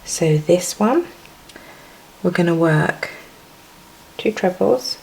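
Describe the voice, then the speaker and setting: A woman with a low, unhurried voice, talking through a crochet tutorial. She chats and giggles between stitch counts, easygoing and homely. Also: expressive, creaky, darkish tone, slight background noise, low-quality recording.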